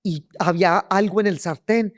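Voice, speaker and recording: A woman's voice: medium pitch, moderate pace, dry recording, studio quality. Colombian woman recounting vivid testimony. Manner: vivid storytelling with restarts and repeated words. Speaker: interview guest. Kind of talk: personal testimony in an interview.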